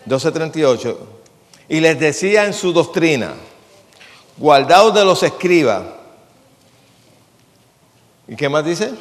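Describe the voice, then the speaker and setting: Man preaching in a reverberant hall. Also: a little high. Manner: plain-spoken, asks the congregation questions, jokes. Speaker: pastor. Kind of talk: conversational sermon.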